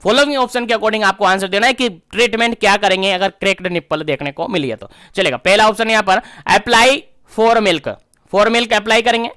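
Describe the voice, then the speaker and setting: A man's voice: sits high, moderate pace, bright, forceful tone, no room sound, studio quality. A young man teaching an online nursing exam-prep class, emphatic, repeating key answers back as quiz questions.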